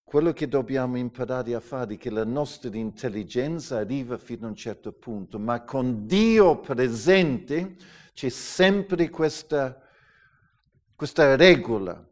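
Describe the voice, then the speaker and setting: A middle-aged man, a pastor, preaching a sermon with emphatic declarations and hushed asides. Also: medium pitch.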